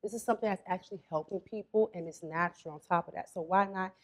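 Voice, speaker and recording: A young adult woman from Florida, a spa owner, chatting as an interview guest in a relaxed, storytelling way. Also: on the low side, fast. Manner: relaxed storytelling, quotes her mother. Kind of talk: casual interview talk.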